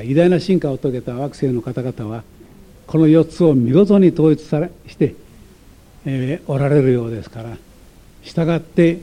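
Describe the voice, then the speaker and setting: A man lecturing from a text, stopping often to explain, wander into asides and correct himself. His voice sits a bit high yet sounds very dark and mellow, with a husky, breathy edge. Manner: digressive, many hesitation fillers and self-corrections.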